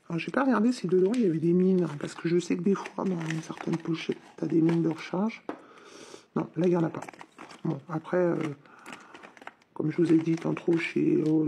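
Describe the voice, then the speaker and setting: A woman with a slight head cold talks chattily and informally to her viewers as she demonstrates new supplies. Her voice is low-toned and gravelly, with a mellow, dark colour. Faint noise sits behind her. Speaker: hobby vlogger. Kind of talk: casual unboxing and demo chat.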